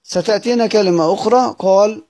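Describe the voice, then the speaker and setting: A man's voice: sits high, darkish tone. A man with an Egyptian accent teaching a lesson on Quranic readings, patiently repeating words and asking and answering his own questions. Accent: Egyptian Arabic. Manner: patient, repeats words slowly and spells out sounds. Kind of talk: explanatory lesson.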